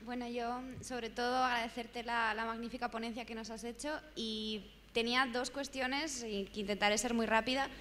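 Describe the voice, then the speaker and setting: A woman in the audience asking a question, nervous, rushed and halting. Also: a little high, flat delivery, fairly bright tone, slight background noise. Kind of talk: question from the floor. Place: large lecture hall. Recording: reverberant hall.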